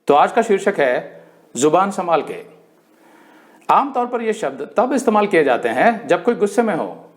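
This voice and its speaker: एक अधेड़ उम्र का पुरुष बाइबल शिक्षक, जो प्रवचन के अंदाज़ में सिखाता है और कहानियों के पात्रों की बातें अभिनय करके सुनाता है।. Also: male voice, sits high, normal speed. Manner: animated storytelling, acts out quoted speakers. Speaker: Bible teacher. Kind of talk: sermon-style Bible study.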